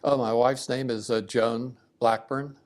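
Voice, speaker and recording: An older man speaks as a veteran looking back. He remembers family history slowly and haltingly, feeling for details as he answers interview questions. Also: medium pitch, steady tone. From southern Ohio, United States.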